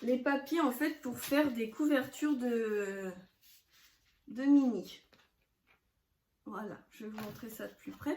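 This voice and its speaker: A woman in her thirties showing her craft purchases in casual chat to camera, talking with many hesitations and soft laughs. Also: on the high side, echoey room, a little hiss or hum. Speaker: scrapbooking vlogger.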